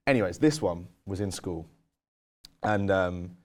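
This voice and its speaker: Low-voiced young man telling stories. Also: unhurried. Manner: rambling, filler-heavy storytelling with lots of "like" and "um". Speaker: podcast co-host. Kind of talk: casual storytelling chat.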